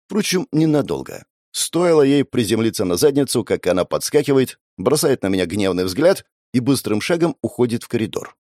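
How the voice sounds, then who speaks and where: A man's voice: mid-range voice, big pitch swings, fairly quick, darkish tone, dry recording. A man narrating an audiobook in the first person, with a wry, sardonic inner monologue on a close mic.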